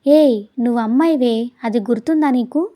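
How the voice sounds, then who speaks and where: Woman reading the part of a stern young man in a romance audio story, gruff and scolding, rather high voice, mellow tone. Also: brisk, lightly acted. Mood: annoyed. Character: irritable young man, stern yet softening.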